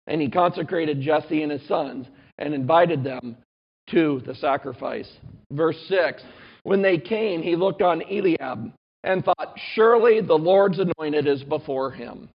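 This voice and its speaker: Male pastor, sermon, earnest and measured, fairly high voice, muffled lo-fi sound. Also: vocal fry, husky. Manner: earnest preaching, slowing on key points.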